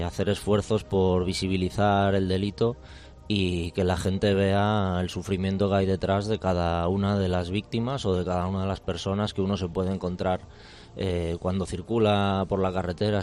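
Flat, low-voiced police commander man. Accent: Spain Spanish. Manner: measured, formal, hesitant with many fillers and restarts. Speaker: police commander, interview guest. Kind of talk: interview answers.

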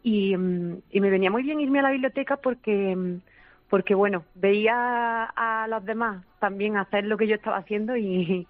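A woman's voice: mid-range voice, normal speed, dry recording. Brief: female caller, hesitant, lots of fillers, tinny phone sound. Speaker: radio caller. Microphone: telephone.

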